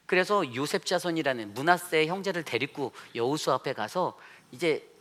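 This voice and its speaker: A man, a pastor, preaching a Sunday sermon in a church, animated, with rhetorical questions and acted-out quotes. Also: a little high, normal speed. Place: church sanctuary.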